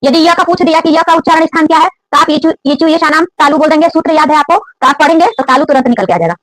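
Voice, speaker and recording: Female teacher, high voice, dry close sound, asks and answers her own questions, chants the rules slowly. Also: a bit bright, no echo, poor audio. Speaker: Sanskrit grammar teacher. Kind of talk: classroom-style grammar lesson.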